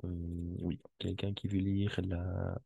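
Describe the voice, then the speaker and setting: A man teaches French to a class in a classroom lesson, slow and patient, repeating each word so students can drill it. His voice is low-pitched, flat, gravelly and dark with a breathy edge, and the recording is dry.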